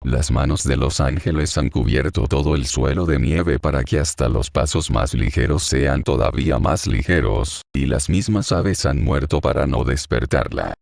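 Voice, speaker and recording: A man's voice: very deep voice, moderate pace, gravelly, hardly any pauses, darkish tone, no echo, clean studio sound, exaggerated voice. A man reading the part of a grieving, confused old man in an audiobook, murmuring in a hollow voice as if talking to himself. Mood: tender, dazed.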